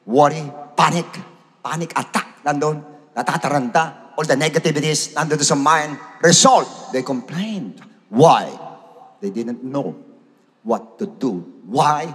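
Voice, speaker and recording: A Filipino man preaching a sermon, dramatic, swinging from shouts to hushed asides, in a church hall. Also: medium pitch. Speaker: pastor. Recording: long reverb of a church hall.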